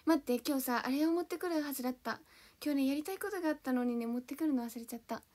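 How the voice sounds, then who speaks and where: Rapid-fire and high-pitched with a darkish tone, this young idol livestreamer chats casually, bubbly and giggly, going through viewers' comments one by one to read and thank them. Hiroshima-born, she is from Kanto, Japan.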